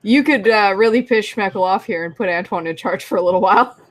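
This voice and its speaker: Crude bantering woman, middling pitch. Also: fast. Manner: crude, egging others on. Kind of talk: casual banter. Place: online group voice call.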